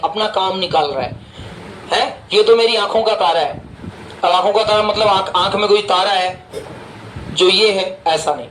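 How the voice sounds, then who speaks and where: A man teaching an English lesson in Hindi, asking playful rhetorical questions and slowly spelling words out for dictation. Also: high-pitched, fairly bright tone, echoey room, slight background noise, poor audio.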